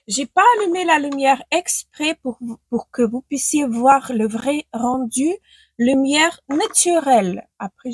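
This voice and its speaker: With a Ukrainian accent and a first language other than the one she's using (not French), a woman vlogs about beauty from a daylit home room, chatting, hesitating and musing as she puts on makeup. Her voice is a little high with a breathy edge, and the recording is dry.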